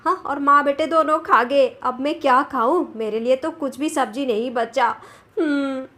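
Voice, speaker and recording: A woman's voice: high voice, moderate pace, fairly bright tone. A woman voicing a stubborn, sassy young daughter-in-law in a cartoon story, with a mocking manner. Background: background music.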